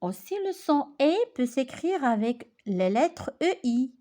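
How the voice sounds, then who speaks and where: A woman teaching French pronunciation, who says each word clearly and deliberately and repeats it, as in a spoken language lesson. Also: high voice, very animated, warm tone.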